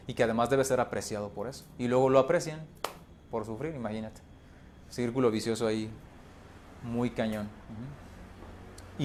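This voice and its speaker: Man, mid-pitched, emphatic informal talk, lots of rhetorical questions. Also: slight background noise. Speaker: speaker on emotional health.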